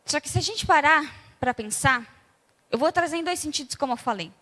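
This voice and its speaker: A Brazilian woman preaches in a casual, storytelling way, acting out each scene with lively energy. Her voice is high and bright. A long church-hall reverb trails behind her words. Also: fairly quick. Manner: conversational, acts out scenes animatedly. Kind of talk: sermon.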